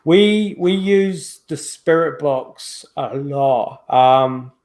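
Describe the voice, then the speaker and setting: Rambling middle-aged man with a higher voice. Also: drawn-out words, a little mellow. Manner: rambling, with many restarts and fillers. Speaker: guest paranormal investigator. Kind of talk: casual storytelling over video call. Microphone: video call microphone.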